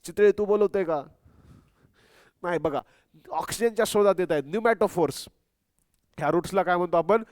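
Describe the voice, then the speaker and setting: High-voiced teacher quizzing his class. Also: a little fast, pauses often, darkish tone. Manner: quizzes students, mixes English terms into speech. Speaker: biology teacher. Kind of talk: classroom lecture.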